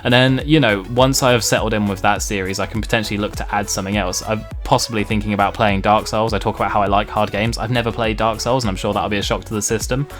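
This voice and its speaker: A man's voice: on the low side, fairly even intonation, fast, few pauses, fairly bright tone, faint music behind. A man with a slightly nasal English Home Counties accent, talking casually and self-deprecatingly in a streamer's vlog. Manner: self-deprecating, mildly sweary. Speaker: video game streamer.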